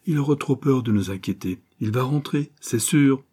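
A man voicing an anxious, gentle middle-aged mother who speaks quickly and pleadingly, in a storybook reading. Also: medium pitch, husky, pitched above the performer's own voice, close to an everyday voice.

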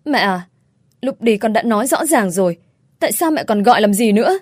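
Lady voicing a young husband, tired but steady, low and careful. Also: brisk, no echo, clean studio sound, close to an everyday voice. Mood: tense.

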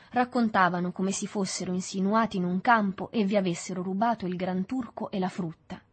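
A woman reading a novel aloud in a measured, even storytelling manner. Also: lowish voice, husky. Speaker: audiobook reader. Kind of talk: literary audiobook narration.

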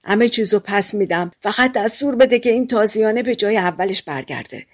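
A woman's voice: mid-range voice, lively intonation, voice pushed up, natural voice. A woman voicing a frightened innkeeper in an audiobook fairy tale, begging in a pleading voice. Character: scared, pleading male innkeeper.

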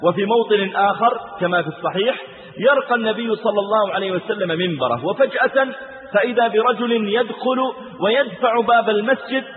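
A man's voice: sits high, brisk. A man preaching a sermon, telling stories with drama and chanting verses. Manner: dramatic storytelling, raises voice for cries, chants verses. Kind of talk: sermon storytelling. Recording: tinny phone-like sound with hall reverb and faint noise.

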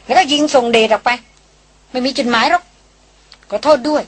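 A woman voicing a guarded young woman, the youngest sister, who apologizes in a flat, offhand way. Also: high-pitched, brisk, slightly rough, pitched above the performer's own voice.

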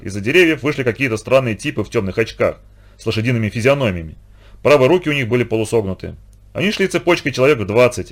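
Lively male audiobook narrator. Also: mid-range voice. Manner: expressive storytelling. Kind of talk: scripted narration.

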